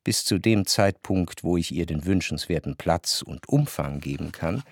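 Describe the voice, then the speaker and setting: A low-pitched man reads literary prose as the refined, watchful first-person narrator of a radio play, weighing each phrase carefully. He sounds reflective and observant.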